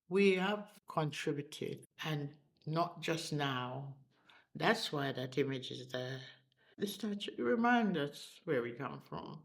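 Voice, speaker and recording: Gravelly Caribbean man, slightly high voice. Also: fairly bright tone. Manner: storytelling with dialect phrasing. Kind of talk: personal reminiscence.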